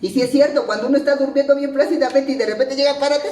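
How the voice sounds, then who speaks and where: A woman's voice: high voice, steady tone, rapid-fire, mellow, distant mic. A middle-aged woman with a Mexican accent sharing her frank, profane personal testimony at a recovery meeting, laughing often as she tells it. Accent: Mexican Spanish. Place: meeting hall. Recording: very echoey hall, speaker off-mic, crowd murmur.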